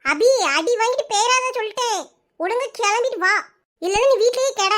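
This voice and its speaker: A woman's voice: very high-pitched, animated, fairly bright tone. A woman voicing a harried, scolding village mother in a cartoon, with a southern Tamil Nadu accent. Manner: brisk, scolding. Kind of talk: cartoon voice acting.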